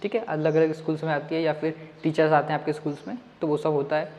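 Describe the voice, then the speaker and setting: In a relaxed online maths class, a man with a fairly high, level-toned voice talks quickly and addresses his students head-on, slipping English words into his speech. The audio carries a long reverb, and its highs are cut off.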